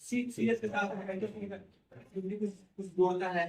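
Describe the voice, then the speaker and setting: A man's voice: sits high, fairly even intonation, measured pace. A man teaching a class, explaining step by step and often checking in with his students. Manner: explains step by step, repeats "theek hai" and "hai na". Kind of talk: classroom lecture. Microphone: no microphone, far from the recorder. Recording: echoey classroom from far off.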